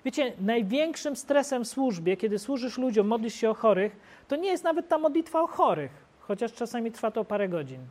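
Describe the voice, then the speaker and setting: A male preacher giving a sermon, telling the story with lively swings between loud bursts and quiet asides. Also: extremely high pitch, brisk.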